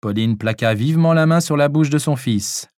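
A man narrating an audiobook in a subdued, low-key way. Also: moderate pace, darkish tone, no room sound, clean studio sound.

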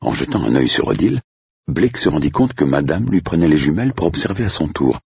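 A man narrating an audiobook in an extremely deep, gravelly voice, husky rather than clear. His telling rises and falls with lively intonation. The sound is dry and dull, a lo-fi recording. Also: brisk, dry recording.

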